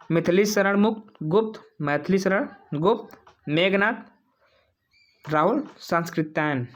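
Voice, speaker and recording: Repetitive exam-prep teacher quizzing viewers. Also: mid-range voice. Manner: repeats each spelling several times and fills with "ठीक है"; poses questions to viewers, then answers them. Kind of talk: exam-prep quiz walkthrough.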